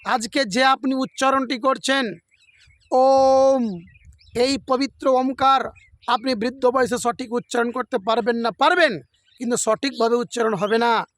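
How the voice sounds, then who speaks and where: A man with an unusually high-pitched voice delivers a devotional sermon outdoors beside a rice field. He speaks as a preacher, circling back to his points again and again. He earnestly pleads with his listeners. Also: a bit bright, no echo. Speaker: religious preacher. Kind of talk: devotional sermon to a camera audience.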